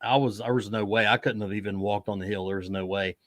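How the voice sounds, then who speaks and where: A man in his forties hosting a casual chat, easygoing and often pausing with fillers. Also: lowish voice, steady tone, dry recording, clean studio sound. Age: 40s. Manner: easygoing, many fillers and restarts. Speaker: host.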